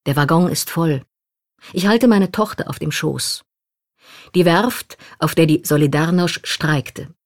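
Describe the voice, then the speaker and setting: A woman reading a first-person memoir aloud in a calm, reflective manner. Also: deep voice, measured pace, dry recording, clean studio sound. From Poland. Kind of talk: scripted literary narration.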